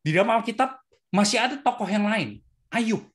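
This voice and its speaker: Indonesian preacher, pitch swinging high and low. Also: animated, normal speed. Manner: keeps asking listeners "right?". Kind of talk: conversational sermon.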